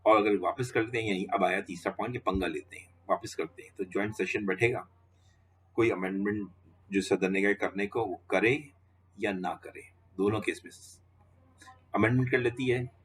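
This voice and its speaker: A man's voice: fairly low pitch, steady tone, moderate pace, breathy edge. A man giving a law lecture, walking students through each step and repeating questions back to the class.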